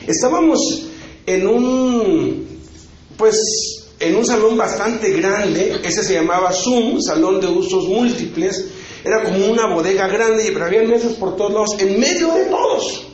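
A man's voice: high voice, expressive, a little slow. A man, telling a testimony in a conference sermon in a chatty, storytelling way full of tag questions. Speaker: preacher. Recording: very echoey hall, slightly dull sound.

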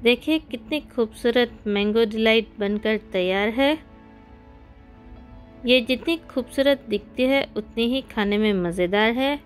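A woman's voice: a little high, measured pace. A woman hosting a cooking channel, giving friendly step-by-step recipe instructions in a voice-over. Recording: soft background music.

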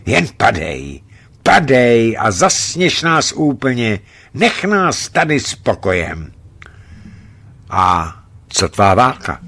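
A man's voice: medium pitch, huge pitch swings, fairly bright tone, full character voice. A man voicing a playful, passionate young woman in a novel reading, teasing and affectionate. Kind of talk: audiobook reading.

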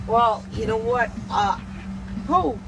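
A woman in her sixties rants belligerently as an unruly passenger, halting and disjointed as if drunk. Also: on the high side. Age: 60s. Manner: agitated, belligerent, rambling ranting. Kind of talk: confrontational public ranting. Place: inside a boarding airplane cabin. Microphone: bystander's phone a seat away. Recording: noisy aircraft cabin, phone video.

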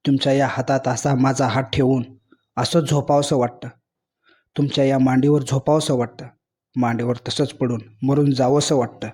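A man voicing a dying young wife in a spoken story, soft and pleading as he reads her words. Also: medium pitch, flat delivery, normal speed, slightly rough, natural voice. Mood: tender pleading.

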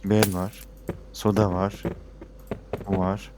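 A man's voice: low voice, flat delivery, takes it slowly, noisy background. Exasperated Turkish man gaming. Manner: exasperated, talks to viewers as he plays. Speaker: gaming YouTuber. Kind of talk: let's-play commentary.

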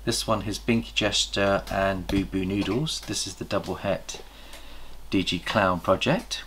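A middle-aged man with a low-pitched, fairly bright voice hosts a chatty snake-breeding vlog from an indoor reptile room. It's a casual show-and-tell, and he's enthusiastic, pausing to recall details. A camera across a table picks him up with a little hiss or hum.

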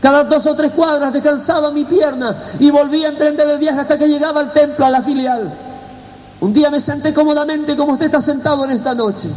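A man's voice: very high voice, steady tone, brisk, darkish tone. A man with an Argentine Spanish accent giving his testimony as a sermon, in an emotional, tearful storytelling way. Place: church hall. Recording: church hall reverb.

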